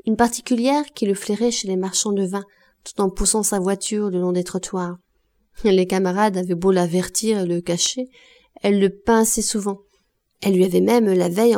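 A woman reading a classic novel aloud as an audiobook narrator, in a measured, expressive way. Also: medium pitch. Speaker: audiobook reader.

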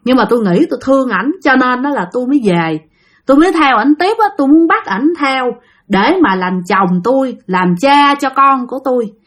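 A lovesick female ghost who speaks through a possessed man, plaintive and pleading, as a woman storyteller puts her on. Her voice climbs higher than the teller's own and carries a lilt. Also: animated, brisk.

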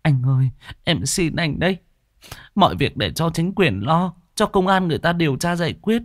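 A man's voice: fairly high pitch, big pitch swings, moderate pace, dry recording, clean studio sound, voice pushed up. A man voicing an anxious young wife who pleads with her husband in a raised voice. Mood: pleading. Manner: pleading, worried.

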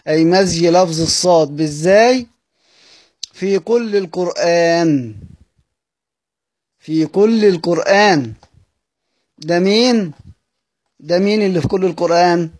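A man's voice: a little high, darkish tone. A man with an Egyptian accent teaching a recorded lesson, explaining step by step and putting questions to his students before he answers them. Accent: Egyptian Arabic. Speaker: Quran recitation teacher. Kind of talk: recorded study-circle lesson.

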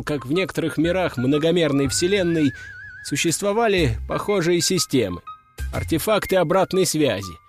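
A man's voice: on the high side, darkish tone. Man narrating a fantasy audiobook. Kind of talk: first-person fantasy narration.

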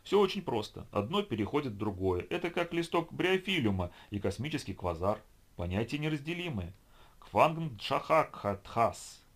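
A man voicing a manic, insane young man who rants gibberish and prophecies in a high, loud voice. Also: sing-song, normal speed. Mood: mysterious gibberish. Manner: grandiose, then whining and hysterical.

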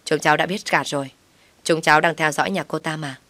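Calm, polite male cop, read by a woman narrator; low and close. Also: fast talker, dry recording.

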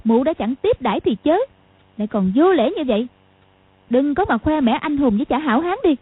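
A woman's voice: high-pitched, expressive, brisk, dry recording, pitched above the performer's own voice. Woman voicing a brash proud young woman. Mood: insolent. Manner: sharp, insolent. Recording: tinny lo-fi audio.

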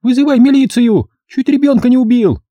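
A man's voice: a little fast, dark tone, no room sound, highs cut off. A man voicing a furious mother who screeches accusations. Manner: shrill, screeching. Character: screaming furious young mother.

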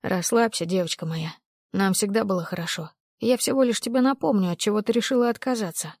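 A woman's voice: mid-range voice, a little fast, a little mellow, no echo, studio quality, natural voice. A woman voicing a drunk, possessive young man who speaks harshly with false tenderness, in an audiobook reading. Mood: menacing.

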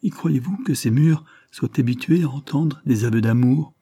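A man's voice: medium pitch, moderate pace, dark tone, slightly rough, no echo, studio quality, voice pushed up. A man reading aloud, voicing a frightened young woman prisoner in a trembling, pleading way.

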